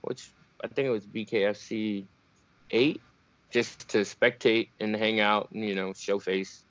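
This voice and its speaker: On muffled, dry video call audio with no room sound, a young bare-knuckle fighter from Virginia talks unhurriedly in a lowish voice. The guest keeps things relaxed and easygoing, laughing often.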